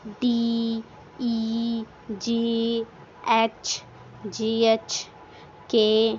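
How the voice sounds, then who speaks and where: A woman with a fairly high voice gives a grammar lesson. She spells out words letter by letter and answers her own questions as she goes. The recording sounds dull and lo-fi, with a faint hiss behind her. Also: a little mellow. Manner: asks questions and answers them herself; mixes English words into Hindi. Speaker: English grammar teacher. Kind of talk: classroom lesson explaining words.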